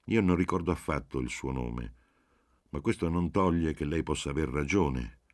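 Guy reading as a guarded professor on the phone, deep and dry, slow and doubtful. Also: darkish tone, dry recording. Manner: doubtful, measured. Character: wary middle-aged male professor, guarded then yielding.

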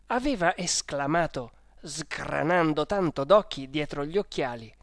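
A storybook reader telling a diary tale in the first person, with a slow and measured delivery. The voice is mid-pitched and recorded close, with a dry sound and no room echo. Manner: slow, measured, even reading. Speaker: audiobook reader.

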